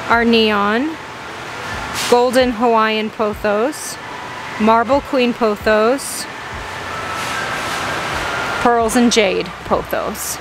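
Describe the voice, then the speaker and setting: A woman's voice: fairly high pitch, extremely slow, pauses often. A young woman vlogging a plant shopping trip in a large greenhouse nursery, gushing over plants and reading the prices aloud. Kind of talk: excited plant-shopping vlog. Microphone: handheld phone camera. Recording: steady background noise.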